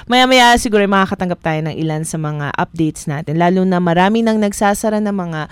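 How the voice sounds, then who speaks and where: A woman's voice: fairly low pitch, fairly quick, smooth, no room sound. A young woman with a Filipino accent hosting a campus radio show, chatting casually, laughing often and teasing her co-hosts.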